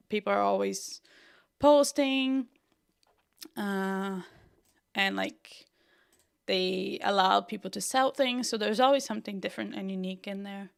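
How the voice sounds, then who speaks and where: In a medium-pitched voice that is creaky yet clear and resonant, a young Brazilian woman chats through a livestream design tutorial. Her accent combines Brazilian and Northern Irish, and she thinks aloud and mutters to herself as she works.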